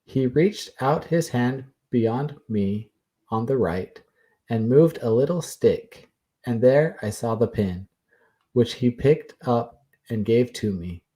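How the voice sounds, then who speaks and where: A man voicing a 19th-century man who gives a sworn account, read slowly and in a measured way. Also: mid-range voice, lively intonation, mellow. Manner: slow, measured reading.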